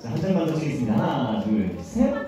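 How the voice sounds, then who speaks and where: A man's voice: medium pitch, very animated, fast, lo-fi sound. A man hosting a live fan event, announcing prize draw numbers like an emcee and directing the audience. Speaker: fan meeting host. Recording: echoey venue PA, distant, music behind.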